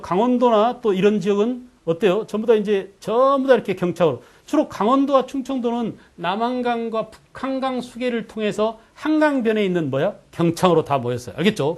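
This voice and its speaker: A man's voice: high voice, darkish tone. A man giving an exam-prep history lecture, quizzing students with questions and checking often that they follow. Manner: keeps checking in with students, asking "got it?".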